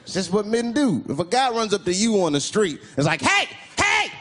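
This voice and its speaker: A male stand-up comedian telling stories in an animated, incredulous manner in front of a live audience. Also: high voice, a little fast. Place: stage before a live audience. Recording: loud laughing crowd and heavy noise.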